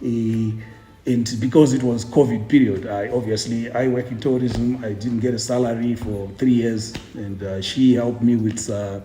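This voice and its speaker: A man in his forties from Zimbabwe, talking as a tour guide and author in a casual interview. He is chatty and jokey, with a mid-range voice, and he repeats words as he searches for them. The sound is roomy, with a clear echo around him. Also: mid-range voice, steady tone, moderate pace, dark tone. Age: 40s.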